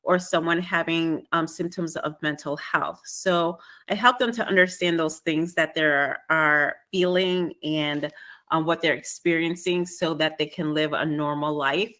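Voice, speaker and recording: A woman from Trinidad, a spiritual alignment coach, answering interview questions in a measured way with frequent ums. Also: deep voice, fairly even intonation, a bit bright. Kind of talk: podcast guest interview.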